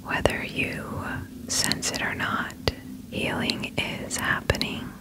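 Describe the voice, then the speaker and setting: A woman whispering a soothing pep talk in the style of ASMR affirmations. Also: takes it slowly. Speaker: ASMR host.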